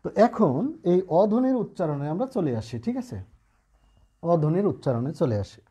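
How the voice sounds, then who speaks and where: A man's voice: fairly high pitch, big pitch swings, normal speed, warm tone, slightly rough. A man teaching a lesson to students, explaining patiently with frequent check-ins and repeated phrases. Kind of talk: classroom-style lesson.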